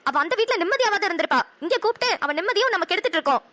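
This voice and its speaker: A woman voicing a fierce, protective middle-aged mother in a cartoon, scolding rapidly with a Kongu Tamil accent. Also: very high voice, expressive, bright, forceful tone, exaggerated voice. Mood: angry. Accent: Kongu Tamil (Namakkal). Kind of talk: cartoon voice acting.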